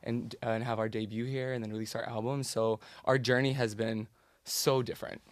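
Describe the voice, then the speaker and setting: A young man from the United States, a group member, answering in a halting, sincere way. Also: medium pitch, little pitch movement, no echo.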